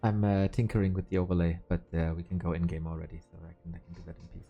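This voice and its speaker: An esports caster with a low, gravelly voice calls a live match at a quick pace, joking, animated, and reading out donations and chat shout-outs. The recording is muffled, with faint music behind.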